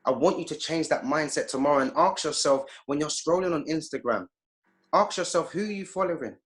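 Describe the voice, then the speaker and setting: A man's voice: on the high side, a little fast. A man speaking as an interview guest. He talks in an emphatic, preachy way over a video call. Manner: emphatic, preachy, acts out quoted voices. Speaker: guest speaker, youth activist. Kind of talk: impassioned interview talk.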